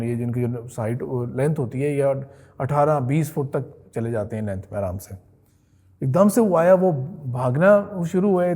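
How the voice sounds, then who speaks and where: This is a man giving a laid-back, talkative lecture about religious history. His voice is a touch higher than typical for a man. He keeps pausing to confirm his listeners are following, and English words slip into his speech.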